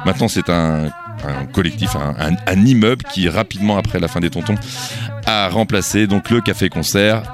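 A middle-aged man presenting a radio show unscripted, in a halting, hesitant way. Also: low-pitched, over music. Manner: hesitant, stretching out words. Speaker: radio host.

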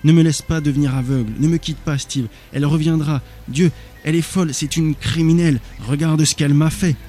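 A man's voice: mid-range voice, steady tone, moderate pace, dark tone, husky, faint music behind, lightly acted. A man voicing a terrified wounded young man who has been clawed and blinded, pleading frantically. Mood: panicked pleading.

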